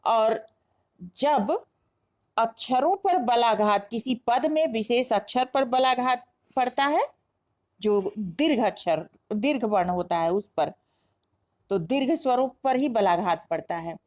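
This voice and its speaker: A woman's voice: a little high, expressive, slow, a little mellow. A woman teaching a grammar lesson, explaining step by step and asking herself questions before answering them. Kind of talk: classroom-style lesson explanation.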